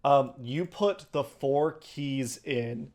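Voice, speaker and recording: A man's voice: mid-range voice, takes it slowly, a little mellow. A man narrating a tabletop role-playing game as game master, improvising and chatting casually.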